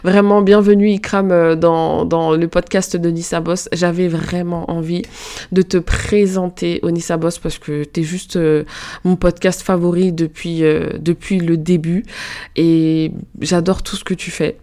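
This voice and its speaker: A woman hosts a casual interview podcast, her voice sitting a little low. She talks in an effusive, chatty way, with frequent religious greetings and blessings. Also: flat delivery, unhurried, warm tone. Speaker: podcast host.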